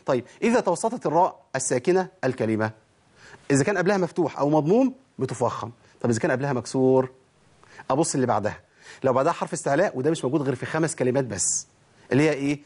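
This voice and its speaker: A man's voice: medium pitch, animated, very fast, a little mellow, breathy edge. A man with an Egyptian Arabic accent teaching tajweed rules, quizzing his listeners and answering his own questions. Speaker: Quran recitation teacher. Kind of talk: tajweed lesson.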